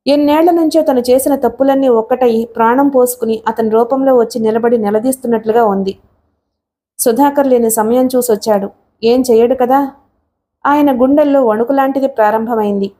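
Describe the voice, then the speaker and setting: A woman reading a novel aloud as an audiobook narrator, in a measured, dramatic storytelling manner. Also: on the high side, fairly even intonation, warm tone. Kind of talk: scripted narration.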